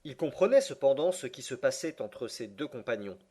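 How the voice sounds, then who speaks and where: A man's voice: mid-range voice, lively intonation, moderate pace, mellow. Man reading a novel aloud. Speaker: audiobook reader. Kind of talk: scripted narration.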